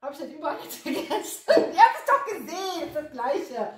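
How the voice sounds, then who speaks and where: A woman's voice: high-pitched, big pitch swings, brisk. A woman, a guest, chatting casually and enthusiastically recommending products. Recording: very echoey room, far from mic.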